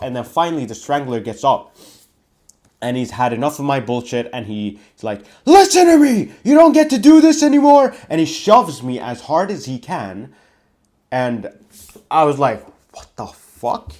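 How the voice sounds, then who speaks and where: Young male vlogger, casual animated storyteller, mid-range voice. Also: mid-range voice. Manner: animated, swears casually, acts out quotes. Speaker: vlogger recounting refereeing.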